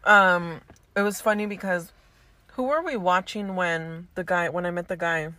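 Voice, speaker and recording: A woman's voice: lowish voice, normal speed, bright, forceful tone, dry recording. A young woman co-hosting a podcast, telling stories casually with fillers and laughter. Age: young adult. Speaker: podcast co-host. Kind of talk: casual chat.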